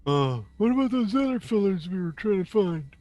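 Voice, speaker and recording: A man's voice: high-pitched, sing-song, moderate pace, a little mellow. A man playing a tabletop game, talking in a hesitant, stammering, folksy way. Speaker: player voicing Quincy. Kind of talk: tabletop role-play banter.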